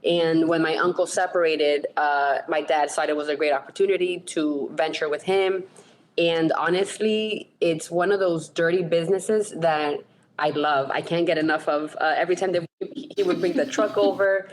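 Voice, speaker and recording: Sex: woman. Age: 30s to 40s. Origin: Latin America. Style: casual podcast interview. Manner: chatty, laughs easily. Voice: fairly low for a woman, faint noise behind. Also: steady tone, moderate pace, rough recording. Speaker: co-owner, operations manager.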